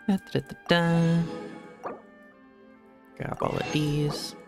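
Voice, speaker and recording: Fairly high-pitched and creaky, this man draws out his words in a level tone as he streams a game as a VTuber. His commentary is loose and rambling, full of laughter, over faint game music.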